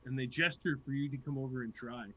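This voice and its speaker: A man's voice: mid-range voice, steady tone, quick pace, bright, forceful tone, highs cut off. A man narrating a tabletop game as its game master.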